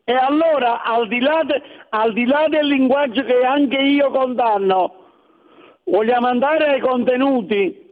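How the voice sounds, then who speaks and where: A man's voice: very high voice, a little slow. A man from southern Italy calling in to a radio show over a phone line, talking insistently and repeating himself. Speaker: caller.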